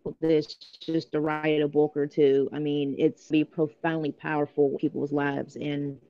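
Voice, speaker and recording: A woman calling into a live chat, talking slowly and earnestly about faith while her call breaks up and drops out over a muffled connection. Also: sits low, flat delivery, warm tone. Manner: slow, earnest, searching for words. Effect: call breaking up and dropping out. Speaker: caller in a live video hangout. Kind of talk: casual encouragement with church talk. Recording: muffled, dropping phone connection.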